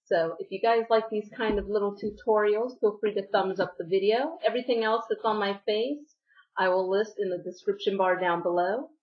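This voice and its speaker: A woman's voice: medium pitch, moderate pace, highs cut off. A woman beauty vlogger narrating a makeup tutorial, giving friendly step-by-step instructions while slightly losing her voice.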